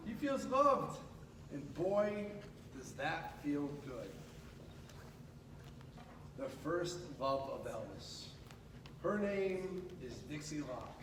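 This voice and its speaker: In a school room, a high-voiced male reader brings a picture book to life with an expressive delivery and casual remarks to the children listening. The recording is distant and echoey, with background noise.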